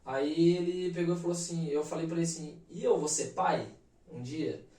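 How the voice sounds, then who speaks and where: A man's voice: on the high side, moderate pace. Brazilian man telling a story in a roomy space. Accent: Brazilian Portuguese. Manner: animated, emphatic, peppers speech with slang fillers. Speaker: podcast guest. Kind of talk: casual storytelling. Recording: roomy echo, mic at a distance.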